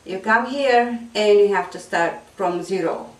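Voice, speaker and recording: A woman who teaches English to immigrants and refugees speaks as a casual interview guest, earnest and reflective with plenty of ums. Her mid-range voice is a little slow, and she sounds distant and slightly off-mic in an echoey room.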